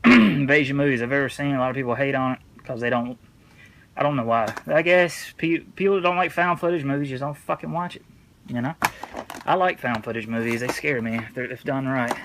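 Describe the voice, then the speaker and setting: Male horror-collector vlogger, mid-range voice, loose jokey delivery full of slang and swearing, clear background noise. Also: mid-range voice. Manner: slangy, heavy cursing, jokey. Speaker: horror film collector presenting a video. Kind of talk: casual rambling movie review.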